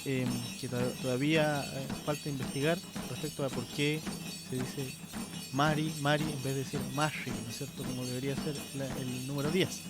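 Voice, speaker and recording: A man hosting a radio lesson on language sounds, explaining slowly and checking in often with short questions. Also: mid-range voice, level tone, loud music behind the voice. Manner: unhurried, checks in with frequent "¿ya?" and "¿cierto?". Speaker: radio host teaching the language.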